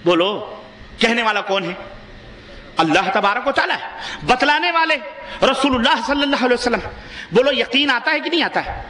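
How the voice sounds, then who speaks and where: A man's voice: lively intonation, pauses often, bright, forceful tone, echoey room, a little hiss or hum. A man preaching an impassioned sermon, exhorting his listeners with rhetorical questions, with a Pakistani Urdu accent. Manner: soars to high emphatic peaks.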